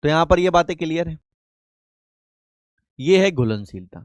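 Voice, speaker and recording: Male teacher, slightly high voice, dry close sound, lectures by quizzing and answering himself. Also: lively intonation, moderate pace, dry recording. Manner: asks questions and answers them himself in call-and-response; affectionate, calls students beta and babu. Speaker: chemistry teacher. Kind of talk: live online class lecture.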